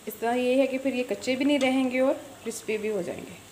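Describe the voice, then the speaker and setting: A woman's voice: sits high, fairly even intonation, quick pace, background noise. A woman, a cooking channel host chatting viewers through a recipe in her home kitchen, filmed on a phone camera. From Pakistan. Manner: chatty, repeats filler phrases, addresses viewers directly.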